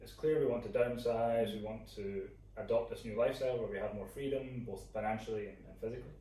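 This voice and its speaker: In casual conversation on the couple's vlog he co-hosts, a young man from Scotland with a Scottish accent explains things while thinking out loud. His fairly low voice is mellow, with fairly even intonation and a quick pace. An echoey room, a distant mic and faint noise shape the recording.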